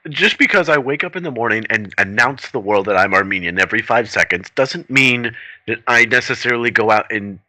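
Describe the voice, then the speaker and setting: A man's voice: medium pitch, animated, a little fast, sharp tone, dry recording, rough recording. A man co-hosting a podcast, talking politics in an earnest, rambling way with many restarts. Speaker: podcast co-host. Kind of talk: casual political chat.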